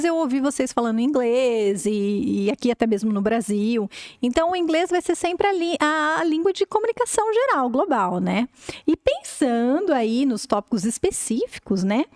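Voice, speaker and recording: Brazilian woman host, high bright voice, lively teacher energy, encouraging, English words mixed in. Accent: Brazilian Portuguese. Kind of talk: conversational interview.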